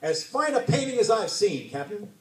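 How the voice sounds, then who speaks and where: A man's voice: high voice, big pitch swings, normal speed, voice pushed up. A man reading aloud and voicing a nervous, dim-witted pirate first mate who is eager to please. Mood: fretful. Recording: roomy, distant mic, faint hiss.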